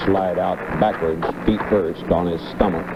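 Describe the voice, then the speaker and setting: Deep-voiced male news anchor, noisy archive audio. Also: steady tone, measured pace, highs cut off. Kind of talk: live broadcast commentary.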